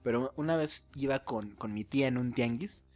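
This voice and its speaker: A man's voice: mid-range voice, moderate pace, a little mellow, soft background music. A young man from Mexico with a Mexican accent, co-hosting a podcast in casual, joking chat and laughing often. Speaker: podcast co-host.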